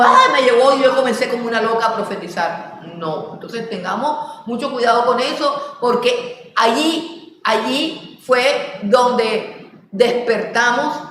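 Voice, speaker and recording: Colombian woman teaching in an echoey hall. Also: a little high. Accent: Colombian Caribbean. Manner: animated, acts out quotes with laughter. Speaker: Bible class teacher. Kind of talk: teaching a Bible class. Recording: echoey hall, voice from far off, noisy.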